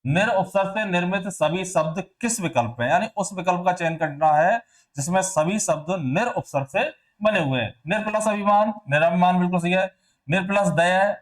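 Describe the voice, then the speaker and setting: A male teacher going through test answers, asking questions and answering them himself, and repeating sounds to show how they are said. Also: on the high side. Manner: repeats sounds and words to demonstrate pronunciation. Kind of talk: exam answer walkthrough lesson.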